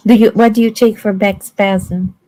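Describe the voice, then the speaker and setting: A woman's voice: mid-range voice, moderate pace, poor audio. Blunt, chatty woman host. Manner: blunt, animated storytelling with quoted voices. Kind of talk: casual chat.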